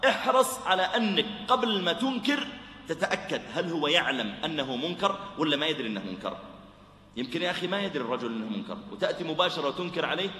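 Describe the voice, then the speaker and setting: A man giving a religious lecture full of stories, animated and acting out the dialogue, with soft, gentle quoted lines. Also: fairly high pitch, fast talker. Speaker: preacher. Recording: echoey hall with long reverb, faint hum.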